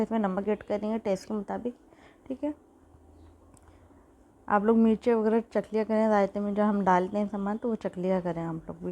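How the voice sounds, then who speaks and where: A cooking channel host gives a casual lesson from her home kitchen, recorded on a phone with slight background noise. Her voice is medium-pitched, mellow and darker, and her throat is sore, yet she stays chatty and often checks in with "theek hai."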